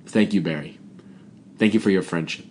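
A man's voice: deep voice, normal speed, darkish tone, a little hiss or hum, voice pushed down, close to an everyday voice. A man retelling a scene in the voice of a cheerful, overly polite male mobster. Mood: warm.

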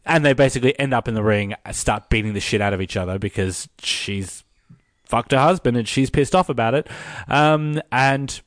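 A man's voice: medium pitch, normal speed, no echo, clean studio sound. A man co-hosting a casual review podcast, retelling scenes with swearing and playful acted quotes. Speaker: co-host.

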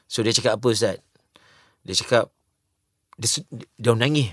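Malaysian-accented male co-host, mid-pitched, animated storyteller, dry close mic. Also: normal speed, dry recording. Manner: animated storytelling, mixing in English words. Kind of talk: casual podcast chat.

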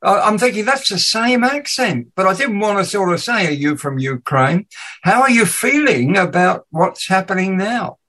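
A man's voice: high voice, big pitch swings, normal speed, bright, forceful tone, poor audio. A male podcast host with a mixed English and Danish accent, chatting casually and musing aloud. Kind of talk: casual radio chat.

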